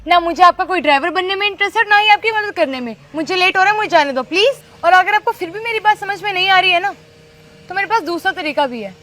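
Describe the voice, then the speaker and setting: A woman's voice: very high voice, animated, fast talker, sharp tone, exaggerated voice. A woman playing a rude, arrogant young woman who mocks and insults her elders in a short acted skit. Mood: contemptuous. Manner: sneering, mocking. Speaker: rude ex-girlfriend.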